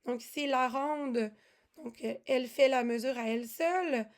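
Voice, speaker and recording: A woman's voice: sits high, normal speed. A woman casually walking through music classroom materials, chatty with many fillers and restarts. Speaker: music teaching resource presenter.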